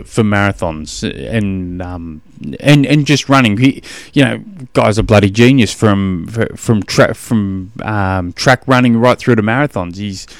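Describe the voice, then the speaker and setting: A podcast host who also works as a running coach answers a listener's question in a casual monologue, rambling along in a matey way packed with fillers. His voice sits lowish and sounds clean, with no room sound.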